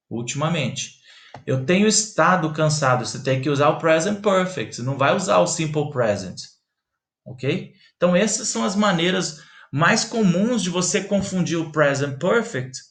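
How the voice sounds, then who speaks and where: Gravelly Brazilian English teacher. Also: male voice, fairly high pitch, a bit bright, roomy sound. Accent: Brazilian Portuguese. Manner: repetitive, emphatic, checks in with "né?" and "ó". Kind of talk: explanatory grammar lesson.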